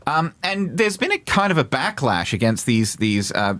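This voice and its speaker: A man co-hosting a podcast in casual chat, halting with many fillers and restarts. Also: mid-range voice, very animated, fairly bright tone, no room sound. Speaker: podcast co-host.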